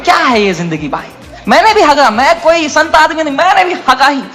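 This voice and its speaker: A man doing stand-up storytelling, swinging between a mock-solemn low voice and loud excited outbursts. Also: a little fast. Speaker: stand-up comedian. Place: comedy stage before a live audience. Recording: live club with loud music and crowd laughter. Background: audience laughter and music.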